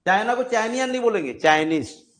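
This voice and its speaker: High-voiced man teaching a grammar class. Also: expressive, fairly quick. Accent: Indian English. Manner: explains with many examples, checks understanding often.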